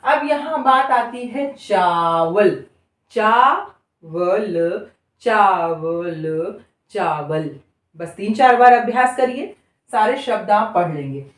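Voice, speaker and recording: A woman's voice: a little high, animated, unhurried. A woman teaching beginners to read Hindi, sounding words out syllable by syllable and drawing them out. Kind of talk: slow spoken lesson. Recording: echoey room, voice from a distance.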